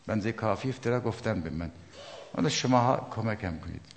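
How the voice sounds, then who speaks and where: A man preaching a sermon, emphatic, swinging between loud outbursts and hushed asides. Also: on the low side, expressive, slight background noise. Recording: long hall reverb.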